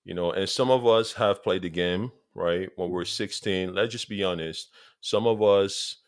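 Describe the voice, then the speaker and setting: With a low-pitched, clean voice, a man in his thirties from Congo vlogs eagerly about football for his viewers. He speaks in a Congolese accent, keeps it casual, and repeats points for emphasis. There's no echo, and the quality is studio grade.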